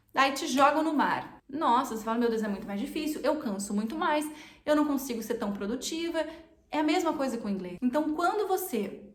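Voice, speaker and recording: A woman's voice: high-pitched, echoey room. A Brazilian woman with a Brazilian Portuguese accent, teaching an online English lesson in a chatty way and repeating her points for emphasis.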